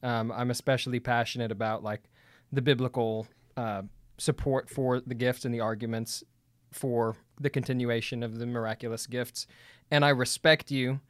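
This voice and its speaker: A man's voice: mid-range voice, fairly even intonation, moderate pace, few pauses, no echo, clean studio sound. A young man co-hosting a casual podcast, easygoing and earnest, dropping "bro" and "man" as he talks. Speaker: podcast co-host. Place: home room full of books.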